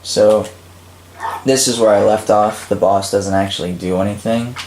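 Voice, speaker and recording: A man's voice: lowish voice, normal speed. A man casually narrating a gameplay walkthrough of a level he built, rambling with frequent fillers. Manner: relaxed, rambling, many "um"s and "like"s. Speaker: game creator and channel host. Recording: roomy with faint background noise.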